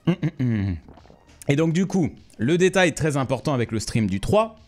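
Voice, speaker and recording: A man's voice: fairly high pitch, very animated, moderate pace. A man streaming live, chatting casually and jokingly with his viewers. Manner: chatty, joking, addresses viewers as ladies and gentlemen.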